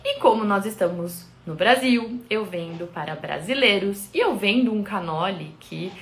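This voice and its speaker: A woman's voice: mid-range voice, animated, moderate pace, fairly bright tone, a little hiss or hum. A woman from Brazil with a Brazilian Portuguese accent, a confectionery owner explaining things to viewers in a chatty, emphatic vlog.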